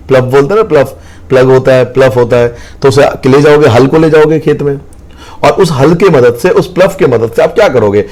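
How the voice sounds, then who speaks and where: A man's voice: on the high side, a little mellow. A man teaching a school science lesson, explaining patiently, repeating key points and addressing students affectionately. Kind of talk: classroom lesson.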